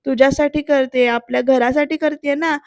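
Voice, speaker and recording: A woman's voice: sits high, fairly even intonation, normal speed, darkish tone, dry recording, muffled recording. A woman voicing an earnest, affectionate young daughter who insists on helping her mother.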